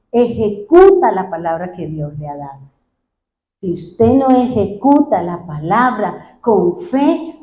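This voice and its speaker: A woman's voice: a little high, darkish tone, echoey room, poor audio. A woman pastor preaching a sermon, firing off rhetorical questions.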